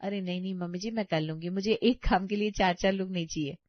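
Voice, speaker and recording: A woman's voice: medium pitch, fast, no room sound, natural voice. A woman voicing a careless, boastful young daughter-in-law who talks in a hasty, dismissive way, on a dull, lo-fi recording. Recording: dull lo-fi sound.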